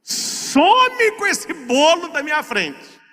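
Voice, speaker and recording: A man plays an angry husband snapping rudely, his voice high and bright. It comes with a long echo from a hall. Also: very animated, slow, full character voice. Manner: snapping, rude. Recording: echoey hall.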